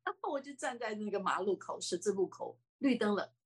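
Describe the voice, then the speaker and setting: A husky-voiced woman telling a personal faith testimony in an interview. She swings between excited, high exclamations and hushed, quiet speech, at a middle pitch. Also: brisk. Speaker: interview guest.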